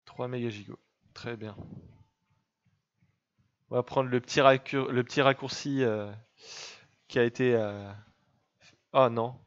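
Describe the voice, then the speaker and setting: A young man talks through his gameplay in a relaxed, chatty way at a middling pitch, teasing the creature on screen now and then. The sound is a bit dull, from a modest home mic. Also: a little slow, long pauses. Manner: chatty, teasing his game pet, laughs often. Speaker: let's play gamer. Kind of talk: casual gameplay commentary.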